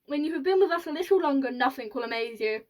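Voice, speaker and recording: A woman voicing an eccentric, excitable male chocolate maker in a storybook reading, grand and exclamatory. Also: high-pitched, quick pace. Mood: excited.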